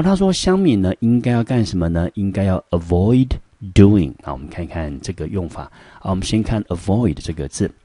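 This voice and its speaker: A man from Taiwan with a Taiwanese Mandarin accent, teaching English vocabulary and grammar in a recorded lesson. He leans on "好" and "呢" as fillers and spells words slowly, syllable by syllable. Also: warm tone, breathy edge, no echo. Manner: frequent fillers "好" and "呢", rising pitch on prompts, slow syllable-by-syllable spelling. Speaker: high school English teacher.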